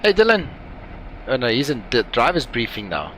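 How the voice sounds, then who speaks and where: A man's voice: mid-range voice, huge pitch swings, moderate pace, fairly bright tone. A man with a broad South African accent, commentating on sim racing as host and chatting casually. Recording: clear vehicle and ambient noise.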